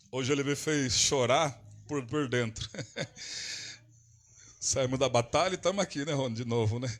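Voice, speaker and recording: A man's voice: medium pitch, fairly bright tone. Man leading a church service. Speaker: pastor.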